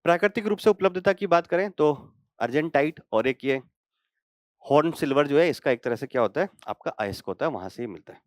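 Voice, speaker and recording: A man's voice: a little high, expressive, brisk, no room sound. A man teaching a current affairs lesson for exam prep, asking himself questions and checking in with students as he explains. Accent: Hindi. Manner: explains with rhetorical questions and frequent "thik hai" check-ins.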